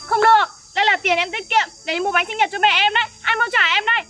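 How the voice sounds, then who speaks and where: A woman's voice: extremely high pitch, steady tone, fast talker, sharp tone, faint music behind. A woman voicing an earnest little girl who pleads and protests to keep her saved money. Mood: pleading. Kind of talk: dubbed children's skit.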